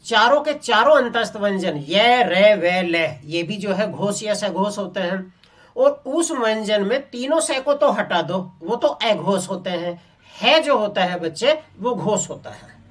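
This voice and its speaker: A woman's voice: mid-range voice, lively intonation, measured pace, recorded from a distance. A woman teaching a Hindi grammar class online. She asks the class questions and answers them herself, often calling her listeners children.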